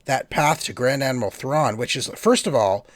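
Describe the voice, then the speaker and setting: A man's voice: medium pitch, moderate pace, no room sound. A man co-hosting a podcast, chatting casually and enthusiastically, with many fillers and restarts. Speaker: podcast co-host. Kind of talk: casual chat.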